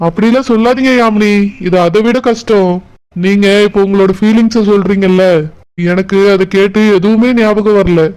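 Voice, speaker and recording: A gentle, confused young man who has lost his memory, voiced by a man in a cartoon. His voice is high and smooth, with a Kanyakumari Tamil accent, and he muses softly aloud. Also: steady tone, normal speed, lightly acted. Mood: pleading. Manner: soft, pleading, musing aloud. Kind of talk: cartoon voice acting.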